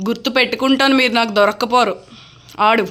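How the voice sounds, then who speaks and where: A woman's voice: on the high side, fairly even intonation, fast talker, a bit bright. A woman playing a family game on a vlog, pleading and theatrically complaining to God.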